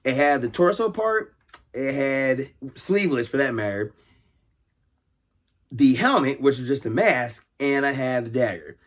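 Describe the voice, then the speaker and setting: An American toy collector hosts a casual, unscripted vlog in a mid-range voice that's very animated yet measured in pace. He rambles conversationally and often repeats himself.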